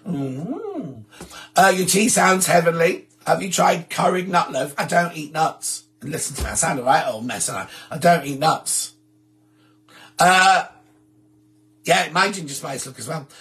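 A man with a sore, hoarse throat hosting a live stream, chatting casually and reading out viewer comments. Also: high voice, fairly bright tone. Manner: chatty, rambling, self-deprecating.

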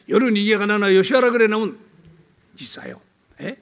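Older man doing a brash, gravelly downtown Tokyo tough. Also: high voice, animated, moderate pace, a bit bright, big-room sound. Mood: brash, bullying. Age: 70s. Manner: gruff, teasing, threatening. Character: brash bullying rough male Edo tenant. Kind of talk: rakugo storytelling.

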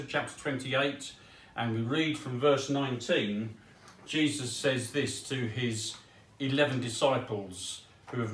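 A man gives a casual sermon in a chatty, self-deprecating manner, scattering ums as he goes. His voice sits at a middle pitch and is picked up from a distance, so an echo in the room surrounds it. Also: a bit bright. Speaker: preacher. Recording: roomy sound from off mic.

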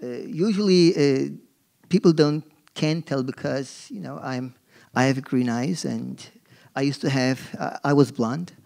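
Standing at a gooseneck podium mic on a dark auditorium's stage, a middle-aged marketing professor from Turkey addresses a forum panel in a Turkish accent. His medium-pitched voice is gravelly, a little mellow and a touch slow. He stumbles often, filling gaps and restarting his sentences.

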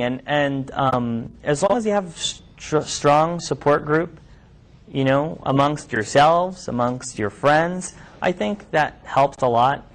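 This young male doctor from New York has a slightly high voice and sounds hesitant. Addressing medical students in an indoor classroom lab, he gives an informal talk with audience questions, speaking conversationally with plenty of ums and restarts.

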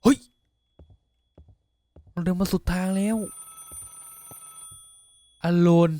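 A man giving casual, profane commentary on a horror game, yelping when startled and dropping to a hush while sneaking. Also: high voice, very slow. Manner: excitable, swears a lot, yelps when startled; drops to a hushed voice while sneaking. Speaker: gaming YouTuber.

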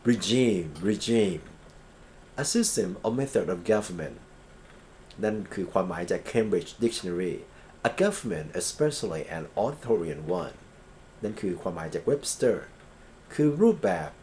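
A Thai man lecturing on English grammar and legal vocabulary, reading English examples slowly and then explaining them quickly. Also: low voice, lively intonation, mellow, a little hiss or hum.

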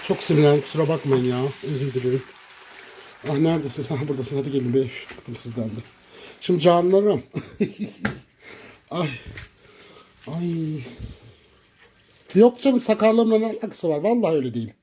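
A man recording a cooking vlog in his home kitchen, talking dramatically to viewers and breaking into loud, theatrical insults. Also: on the high side, moderate pace, pauses often, slight background noise. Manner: dramatic, shouts insults, addresses viewers as "canlarım". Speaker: cooking vlogger.

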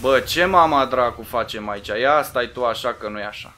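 A man with a Romanian accent commentating his own video game play in a loose, casual way, taunting the other players, swearing and shouting when things go wrong. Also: medium pitch, a little hiss or hum.

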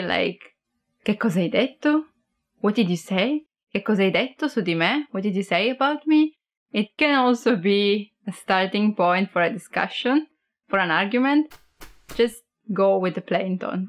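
Speaking in a mid-range voice with an Italian accent, this young Italian language teacher keeps her on-camera lesson chatty and playful, mixing English and Italian example sentences. Framed head and shoulders in a small room before a plain wall or flag backdrop, she sounds studio quality, with no room sound.

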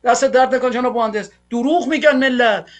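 A man hosts a television show with fiery political commentary. His voice sits unusually high for a man, and his delivery is an angry, insulting rant. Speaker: TV show host.

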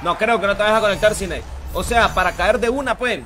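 A man's voice: high voice, fairly quick. A man streaming a fighting game, hyped and slangy, casually thanking viewers and calling out the action. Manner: hyped, slangy, repeats shout-outs. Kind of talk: casual live-stream commentary. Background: game music.

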